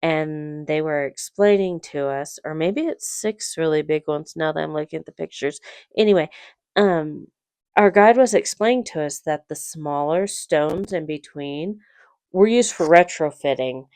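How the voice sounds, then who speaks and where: A woman's voice: sits low, unhurried, darkish tone, clear, resonant tone, no echo, clean studio sound. A woman casually narrating her trip in a home voice-over, rambling a bit and unsure of place names.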